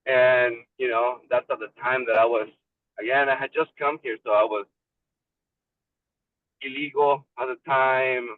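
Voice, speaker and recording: A man's voice: medium pitch, steady tone, unhurried, long pauses, dry recording. Man on a tinny car speakerphone. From Mexico. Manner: candid, loose and talkative. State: driving while calling in. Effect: car speakerphone call. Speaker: support group member. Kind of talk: casual personal story. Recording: tinny phone line, distant mic in a car.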